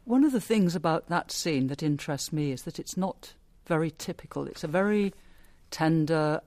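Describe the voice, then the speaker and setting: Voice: medium pitch, moderate pace. Chatty, teasing radio presenter. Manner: chatty, teasing, with lively asides. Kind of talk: radio interview.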